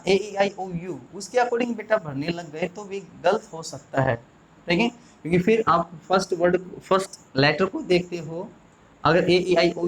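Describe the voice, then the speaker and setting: A man's voice: high-pitched, low-quality recording. Indian male teacher quizzing his class. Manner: coaxing, quizzes viewers with repeated questions. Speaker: English teacher. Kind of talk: classroom lesson explaining grammar.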